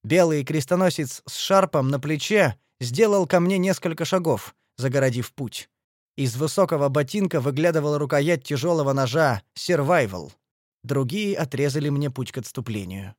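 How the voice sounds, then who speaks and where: A man reading a first-person story aloud as an audiobook narrator, in a lively, dramatic way. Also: fairly high pitch, moderate pace, dry recording, studio quality.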